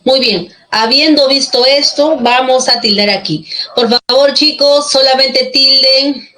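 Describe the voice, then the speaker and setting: A woman teacher with a Peruvian Spanish accent and a somewhat high voice. She explains step by step, patiently, and keeps checking that her students follow along. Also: a little slow, pushed and bright, poor audio. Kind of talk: online class on accent marks.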